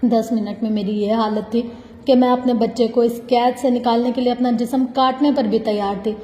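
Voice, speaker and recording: Woman audiobook narrator, intense and heartfelt first-person reading, fairly high mellow voice, echoey room. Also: steady tone. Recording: echoey room with long reverb.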